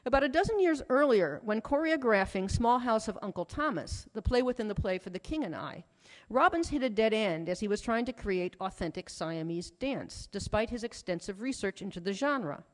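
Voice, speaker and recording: Music plays in the background of a reverberant conference hall as a lecturer shares her research in a prepared talk. Her mid-range voice is animated and moderately paced, her delivery articulate, story-driven and emphatic.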